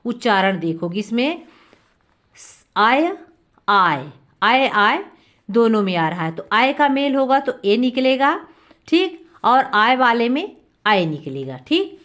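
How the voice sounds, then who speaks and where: High-voiced woman teaching grammar. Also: very animated, unhurried. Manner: repeats questions and answers them herself, drawing out key sounds. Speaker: Sanskrit teacher. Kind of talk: classroom lesson explaining grammar.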